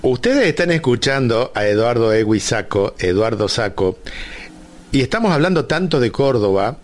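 Radio host, man, talkative and playful, thinks out loud. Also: mid-range voice, expressive, moderate pace. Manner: chatty, teasing, thinks aloud. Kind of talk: radio interview.

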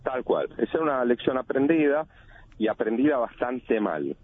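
A man's voice: mid-range voice, lively intonation, normal speed, dry recording. A man, an analyst of body language, explaining over the phone in a teaching way and chanting examples of intonation. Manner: didactic, demonstrates intonation by chanting. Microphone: phone call. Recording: tinny phone line.

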